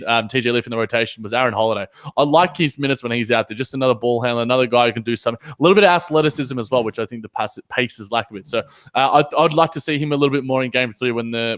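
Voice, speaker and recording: Fast-talking man in a dry room. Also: mid-range voice, a bit bright, dry recording. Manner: rambling, lots of fillers and restarts. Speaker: co-host reading comments. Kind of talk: casual sports chat.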